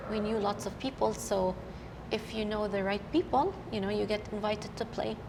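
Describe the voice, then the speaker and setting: A middle-aged woman from Lebanon, a professional violinist, telling her story in an unhurried way with many fillers. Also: medium pitch, vocal fry, long reverb tail, noisy background. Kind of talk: casual interview chat.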